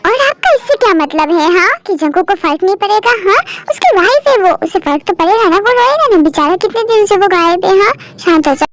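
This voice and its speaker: A woman voicing a sharp-tongued, protective young woman in an amateur fan dub, mocking and scolding. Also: very high voice, animated, brisk, hardly any pauses, no room sound.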